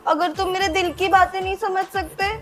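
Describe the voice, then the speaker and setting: A woman's voice: very high voice, steady tone, normal speed, music in the background. A young woman in a scripted comedy sketch, playing a wife who nags and questions her husband. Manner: naggy, questioning.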